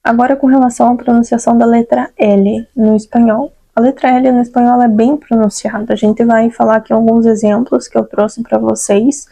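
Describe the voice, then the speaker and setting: A woman's voice: a little high, level tone, dark tone, no room sound. A woman with a Brazilian Portuguese accent teaching a Spanish lesson, patiently repeating words and checking in with her students. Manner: patient, repeats words slowly, tags phrases with "né?" and "tá?". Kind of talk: online language lesson.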